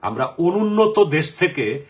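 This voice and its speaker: A man's voice: a little high, big pitch swings, unhurried. A middle-aged man from the Sylhet region, chatting casually in a rambling way with many fillers. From Sylhet region, Bangladesh. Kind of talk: casual chat.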